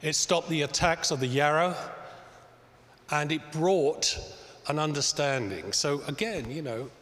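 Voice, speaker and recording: A man speaks from the audience in a large church, recalling his time abroad in a reflective way. His mid-pitched voice carries a long reverb, with a faint hum of the room behind. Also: unhurried, a bit bright. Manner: reflective, recounting experiences. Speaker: audience member. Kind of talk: question from the floor.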